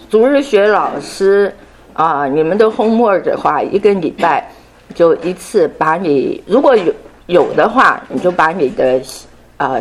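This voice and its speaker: A middle-aged woman with a notably low voice teaches a Sunday school class. She speaks unhurriedly, repeats her points and slips English words into her talk. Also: a little hiss or hum. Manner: ends phrases with soft tag particles.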